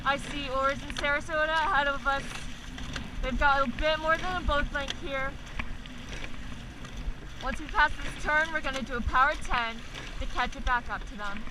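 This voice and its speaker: Noisy outdoor recording on the water, with a high-voiced woman coxswain calling a rowing race. She gives short, urgent commands in a rhythmic, drawn-out way, steering and driving her crew on. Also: fairly even intonation. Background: clear noise of water, wind and boat.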